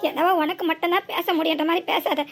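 A woman's voice: extremely high pitch, fairly even intonation, quick pace, crowd noise. A woman voicing a stern old mother-in-law in a village cartoon comedy, scolding with a southern Tamil Nadu accent. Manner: scolding, lecturing.

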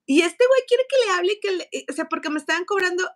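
Young mexican woman rambling a story, high voice, lots of slang, laughing along. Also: lively intonation, fast talker. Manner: chatty, slangy, laughing as she tells stories. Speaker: scrapbook channel co-host. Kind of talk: casual storytelling vlog.

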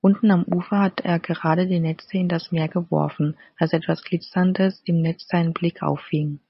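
A woman narrating a fairy-tale audiobook in an even, measured storytelling manner. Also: on the low side, vocal fry, slightly rough, dry recording. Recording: slightly dull, dry recording.

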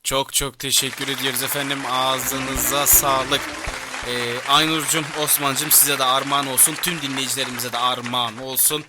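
A man's voice: medium pitch, level tone, normal speed, over a noisy crowd, heavy background noise. A man hosting a live radio phone-in, courteous, repeating his thanks and phrases as he talks with his guest. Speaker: radio show host and DJ. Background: music.

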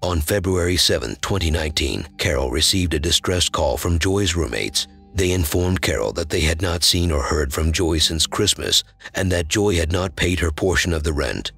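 A man narrating a true-crime documentary from a script in an even, solemn way. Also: deep voice, normal speed, creaky, few pauses, slightly rough, soft background music.

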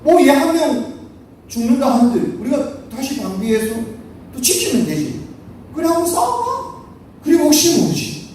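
A man's voice: very high-pitched, very animated, normal speed, a little mellow, a little hiss or hum, voice pushed up. A man doing a scheming, hesitant king. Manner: offhand, scheming. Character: hesitant calculating middle-aged king. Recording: echoey hall from far off.

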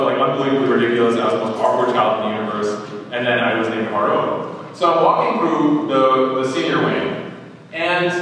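A man in his thirties from New England gives an animated, self-mocking comic speech at a podium mic. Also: medium pitch, slight background noise. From New England, United States. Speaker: after-dinner speaker. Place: large hall with painted mural, at a podium. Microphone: podium mic on a stand. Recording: echoey hall from far off.

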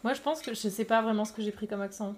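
A young French woman chatting casually with viewers on a live stream, lively and quick to laugh. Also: medium pitch, slight background noise. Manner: lively, giggly, reacts to chat.

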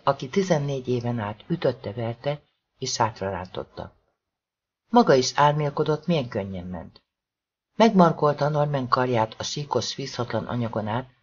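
A man's voice: mid-range voice, darkish tone, slightly rough, dull audio. A man narrating a suspenseful novel in a dramatic audiobook reading.

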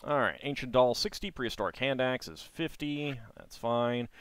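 A man's voice: mid-range voice, normal speed, fairly bright tone, clear, resonant tone, no room sound. A man giving casual let's play commentary, often murmuring to himself as he plays. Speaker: gaming video host. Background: game music.

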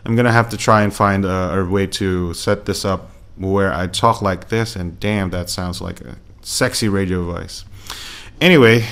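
A man's voice: lowish voice, a bit bright, smooth. A man casually talking through a microphone he is reviewing, rambling with many fillers and restarts, close to a USB desk mic at home. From Philippines. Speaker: tech reviewer. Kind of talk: casual unboxing commentary. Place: home room with laptop fan. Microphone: USB desk microphone held close.

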